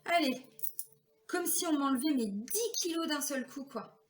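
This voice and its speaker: A woman's voice: high-pitched, animated, measured pace, reverberant. A woman telling her personal story in a chatty way, with many fillers, sometimes acting out the voices of others. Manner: chatty, lots of fillers, acts out quoted voices. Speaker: vlogger and card reader.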